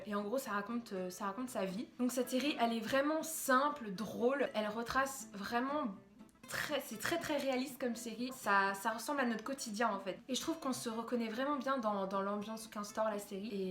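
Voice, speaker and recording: A woman's voice: a little high, a bit bright. A young woman chatting casually to camera as a YouTuber, talking through TV series with many fillers and restarts. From France. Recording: echoey room.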